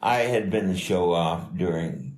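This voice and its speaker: An older man telling life stories in a casual, rambling, halting way, as an interviewee. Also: low voice, a little mellow. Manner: rambling, halting, chuckling delivery. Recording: echoey room with faint noise.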